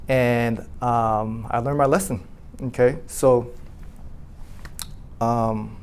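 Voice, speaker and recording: A man who runs an insurance agency, telling his team a personal story in a lively, casual way, full of "like" fillers and questions to the room. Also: medium pitch, extremely slow, clear, resonant tone. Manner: animated, asks the room questions, many "like" fillers.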